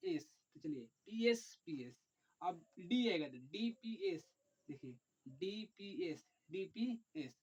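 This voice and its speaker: Man teaching slowly on lo-fi audio. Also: sits high, darkish tone. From Bihar, India. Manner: slow, repetitive step-by-step dictation, often saying "look" and counting aloud. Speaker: chemistry teacher. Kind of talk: online chemistry lesson. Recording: dull lo-fi recording.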